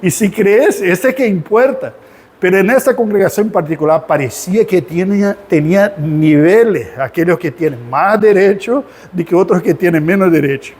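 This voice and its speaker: High-voiced man teaching a church class. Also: moderate pace. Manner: animated, asking the class rhetorical questions. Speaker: Sunday school teacher.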